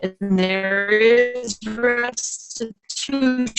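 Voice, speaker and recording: A woman calling in over a spotty, breaking-up connection, talking in halting starts and restarts. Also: on the high side, fairly even intonation, a bit bright, soft background music. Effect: breaking up, spotty call connection. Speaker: caller on a parent advocacy call. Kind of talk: casual call-in talk.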